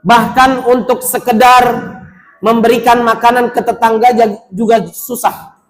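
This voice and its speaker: High-voiced preacher exhorting pilgrims. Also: male voice, flat delivery, measured pace. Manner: exhorting, acts out doubting worshippers, chants Arabic. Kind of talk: sermon to pilgrims. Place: mosque.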